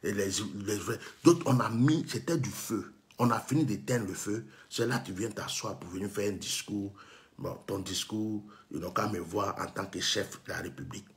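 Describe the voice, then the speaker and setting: A man's voice: lowish voice, moderate pace. A man from Côte d'Ivoire with an Ivorian French accent, telling a story and delivering an impassioned, scolding monologue that acts out bits of dialogue.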